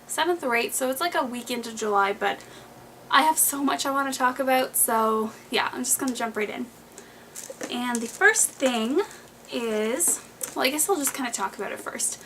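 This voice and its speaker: A young woman with a somewhat high voice talks casually to camera in a home beauty vlog. She rambles, restarts and drops plenty of fillers, sounding a little out of breath. A faint hiss sits under the recording. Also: moderate pace, sharp tone, low-quality recording. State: slightly out of breath. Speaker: beauty vlogger. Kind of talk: casual monthly favorites vlog.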